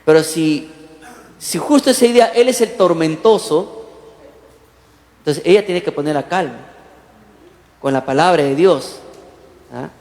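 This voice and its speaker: High-voiced pastor in echoey church. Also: male voice, measured pace, pauses often. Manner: lively, asks the congregation questions, acts out quotes. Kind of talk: sermon. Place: church hall. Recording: echoey church hall, long reverb.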